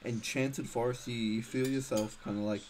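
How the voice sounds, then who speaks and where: A man running a tabletop game as game master, narrating casually and hesitantly, pausing as he goes. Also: mid-range voice, steady tone, a little mellow, slight background noise, low-quality recording.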